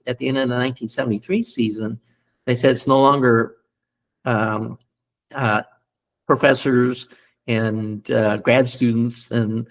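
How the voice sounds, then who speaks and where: Rambling older American man, chuckling. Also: medium pitch. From United States. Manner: rambling, many fillers and restarts, chuckles while recalling. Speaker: podcast guest, former rugby player and coach. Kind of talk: casual interview storytelling.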